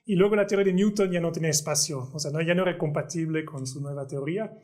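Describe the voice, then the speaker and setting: A Swiss physicist, whose first language is French, appears as a guest and casually explains physics in a rather high, slightly mellow voice. He talks fast but hesitantly, stumbling and repeating words as he hunts for the right terms.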